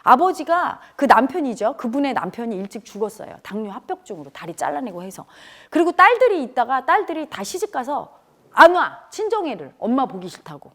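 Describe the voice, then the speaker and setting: A middle-aged woman speaking at a spiritual community talk shares a painful childhood memory with her audience, earnest and sometimes tearful. Her high voice swings widely in pitch and moves a little fast, rising to cries as she relives what happened.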